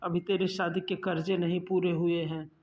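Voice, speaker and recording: A man voicing a tired, loving older farmer father in a cartoon story, speaking calmly and explaining. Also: sits high, normal speed, slight background noise, lightly acted. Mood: caring. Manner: calm, explaining. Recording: muffled lo-fi sound.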